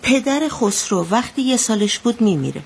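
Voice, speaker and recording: A woman's voice: a little high, big pitch swings, slight background noise. An actress playing an anxious mother who recounts a bloody wedding in a radio drama, telling it vividly. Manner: vivid storytelling, shouting out the quotes she retells.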